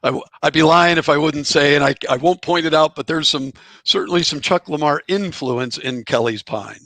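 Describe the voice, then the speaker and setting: Middle-aged guy, gravelly voice, rambling ballpark stories, dry close sound. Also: fairly high pitch, normal speed, bright, forceful tone, no echo. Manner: chatty, rambling anecdotes with chuckles. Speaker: guest, author and former college outfielder. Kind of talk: relaxed storytelling in a podcast interview.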